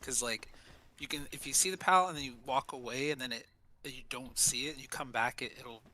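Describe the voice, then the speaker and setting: A man's voice: mid-range voice, a little fast, bright, forceful tone. Man on noisy voice chat. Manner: casual, explains game tricks. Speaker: co-op gaming friend. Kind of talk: casual gaming chat.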